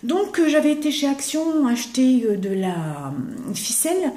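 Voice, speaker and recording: An older woman rambles happily through her craft gifts, her voice a little high and soft-edged. She often sinks into a hushed whisper as she admires something. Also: very animated, measured pace. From eastern France. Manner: chatty, warm, drops to a whisper when admiring things. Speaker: craft vlogger. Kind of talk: casual chat showing gifts to camera.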